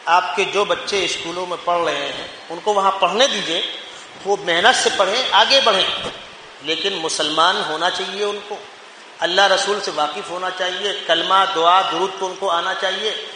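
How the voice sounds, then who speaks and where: A man's voice: sits high, bright, forceful tone, a little hiss or hum. A man from India preaching a fervent Urdu sermon in a mosque, full of rhetorical questions and repeated phrases. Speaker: mufti preacher. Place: mosque hall. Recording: echoey mosque hall with long reverb.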